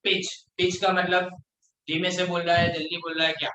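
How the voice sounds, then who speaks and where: A man teaching a college class, who reads English lines slowly and then explains them in Hindi. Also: sits high, completely flat delivery, pushed and bright, roomy sound, low-quality recording. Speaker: college lecturer.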